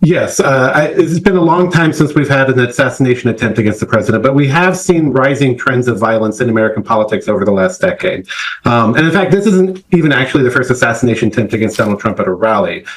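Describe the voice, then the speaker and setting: A middle-aged man speaks as an academic guest in a news interview, weighing his words carefully. His pitch sits in the middle range for a man. He pauses often with "uh" and "um" as he builds his points. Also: lively intonation, rough recording. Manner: measured, academic, many "uh" and "um" fillers. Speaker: political science professor, interview guest.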